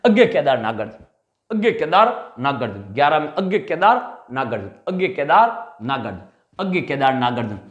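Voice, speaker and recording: A man teaching a Hindi exam class, drilling memory tricks with animated repeated questions and answers. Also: mid-range voice, fairly quick, roomy sound, lo-fi sound. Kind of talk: mnemonic lecture.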